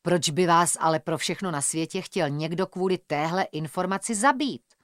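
A woman's voice: fairly low pitch, dry recording, lightly acted. A skeptical, businesslike police constable from an audiobook, read by a woman narrator. He asks short, doubtful questions. The recording is dry and close, with no room sound. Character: skeptical male police constable, middle-aged.

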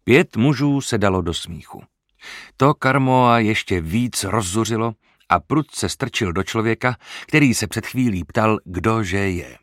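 Male audiobook narrator, low voice, steady and dramatic, dry close recording. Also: dry recording. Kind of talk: scripted narration.

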